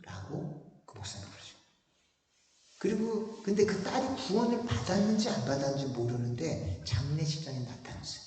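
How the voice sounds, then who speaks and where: A male pastor preaching a sermon and telling a story, animated and emphatic, repeating words for stress, in a large church hall. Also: a little high, moderate pace. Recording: echoey church hall, mic far off.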